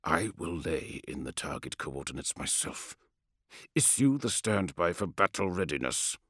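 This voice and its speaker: A cold, ruthless male warship commander who snaps clipped orders and drops to an icy hush, as a man reads him out. The voice is recorded dry and close, with lively swings in pitch. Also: slow, gravelly, no echo, full character voice.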